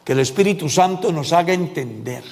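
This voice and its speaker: A male pastor preaches to his congregation in a church. His voice sits high and carries a long, ringing reverb from the hall. He jokes and throws questions out to the people as he goes. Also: lively intonation, fairly quick, gravelly, darkish tone. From Colombia. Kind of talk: sermon.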